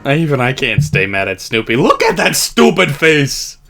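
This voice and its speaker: A tipsy reviewer giving casual comedic commentary on a cartoon, rambling in a drawn-out, exasperated, sarcastic way with mild swearing. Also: mid-range voice, sing-song, creaky, over music. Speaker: video reviewer.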